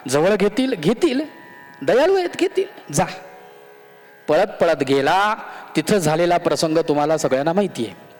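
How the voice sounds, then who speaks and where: A man with a high voice tells a devotional story as a sermon. He speaks dramatically and turns often to his listeners. His voice carries through a temple hall with a long echo over soft music. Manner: dramatic, addresses the listeners directly. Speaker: religious discourse speaker.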